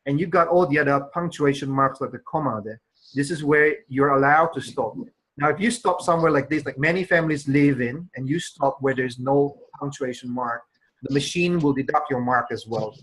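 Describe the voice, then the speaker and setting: A man with a husky, slightly rough voice teaches an online English class. He explains patiently, often pausing on fillers and restarts. The sound comes through a video call. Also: medium pitch, fairly bright tone, poor audio.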